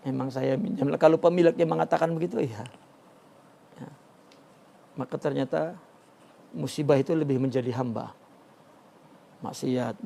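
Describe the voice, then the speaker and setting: A man teaching a religious text study, speaking haltingly with many restarts and a filler "ya" between phrases. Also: medium pitch, vocal fry, warm tone, a little hiss or hum. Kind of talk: Sufi text study lecture.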